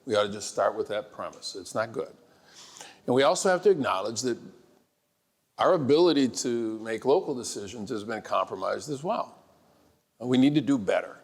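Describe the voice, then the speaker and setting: Husky guy on a panel, measured and frank, hall echo. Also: mid-range voice, animated. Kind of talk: panel discussion. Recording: echoey hall with long reverb.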